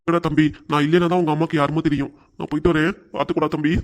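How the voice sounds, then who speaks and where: A man voicing a patient middle-aged cartoon father who answers his wife and son softly and defensively. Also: fairly high pitch, little pitch movement, very fast, lightly acted. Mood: pleading. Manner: soft, pleading and defensive. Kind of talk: cartoon voice acting.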